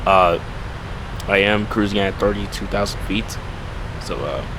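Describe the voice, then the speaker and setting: A man chatting casually to his viewers as a flight simulator video creator. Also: measured pace. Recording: rumbling engine noise behind voice.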